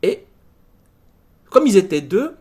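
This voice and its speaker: A man with a slightly high-pitched voice tells a story in a loose, unscripted monologue. He talks in an animated way, often repeating words and restarting his sentences as he works through his point. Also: takes it slowly, slightly rough. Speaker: channel host.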